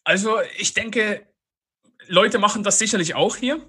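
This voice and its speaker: Bright-voiced Swiss man chatting. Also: high-pitched, measured pace, breathy edge. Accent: Swiss German. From Switzerland. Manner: chatty, laughs often, many fillers. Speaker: guest, online marketer. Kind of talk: casual podcast interview.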